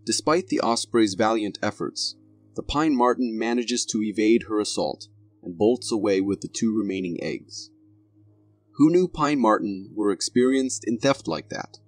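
Husky low-voiced male narrator. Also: normal speed, soft background music. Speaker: narrator of a viral video compilation. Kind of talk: scripted narration.

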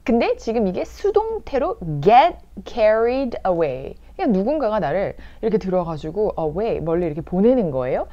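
A woman's voice: fairly low pitch, mellow, dull audio. Korean woman teaching English phrases. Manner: explains in Korean, reads English examples slowly and clearly for repetition. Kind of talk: online English lesson.

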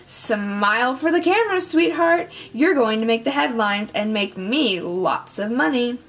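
Cruel greedy cameraman, sneering and taunting, higher voice; a woman reads him. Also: animated, unhurried, a bit bright, distant mic. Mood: mocking. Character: cruel greedy male photographer.

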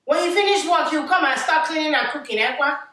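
A woman's voice: high-pitched, fast talker, a bit bright. A woman playing an exasperated African mother with a West African accent, scolding indignantly in a comedy skit. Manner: indignant, scolding, rhetorical questions. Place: living room, far camera. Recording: echoey room, far from mic.

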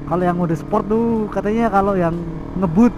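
A young man rides a motorcycle through city traffic and chats casually into his helmet mic, tossing himself questions and answering them with slangy asides. His voice sits high, and loud engine and road noise run under every word. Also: normal speed. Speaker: motovlogger. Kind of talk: casual riding commentary.

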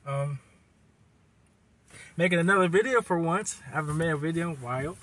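An eighteen-year-old guy vlogs from inside a car, joking and teasing in a laid-back, chatty way while holding his phone at arm's length. His voice sits on the high side, moves fairly quickly, and has a fairly bright tone.

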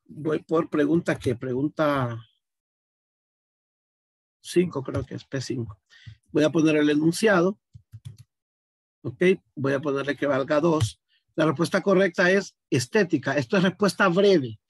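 High-voiced male teacher walking through a lesson. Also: a little slow, creaky, long pauses, slightly rough, no echo, clean studio sound. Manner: explains step by step, asks students questions. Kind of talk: online class demonstration.

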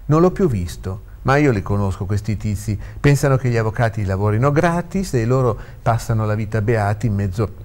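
A man's voice: on the low side, animated, brisk, hardly any pauses, darkish tone, lightly acted. A man voicing a young male lawyer who talks hesitantly, full of fillers, in a read-aloud story. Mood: complaining. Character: young lawyer, uncertain and chatty.

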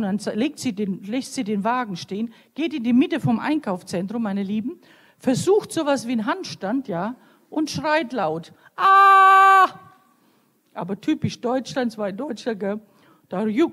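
A woman in her fifties from Croatia, a nun giving a lively storytelling sermon at a youth meeting. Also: a little high, husky. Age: 50s. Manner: storytelling, acting out quoted voices. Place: large venue at a youth meeting. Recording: long reverb of a hall.

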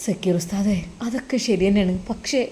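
A heartbroken young male cleric, as a woman reader acts him out, speaking in quiet, subdued tones. His voice is soft and restrained and often drops lower and quieter. It comes across as a storybook role. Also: fairly quick, natural voice. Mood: sorrowful.

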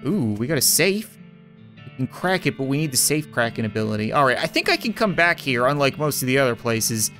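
Animated man doing game commentary over guitar music. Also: on the high side. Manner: theatrical, wry asides. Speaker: gaming video host. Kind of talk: game playthrough commentary, reading text aloud.

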